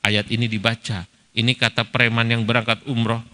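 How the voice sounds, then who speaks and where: A man's voice: medium pitch, flat delivery, a little fast, bright, forceful tone, slight background noise. A middle-aged Indonesian man preaching to a gathering, telling stories with humor and acting out the people he quotes. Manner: storytelling with humor, voicing quoted speakers. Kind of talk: religious lecture to a gathering. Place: large hall at a celebration. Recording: reverberant hall.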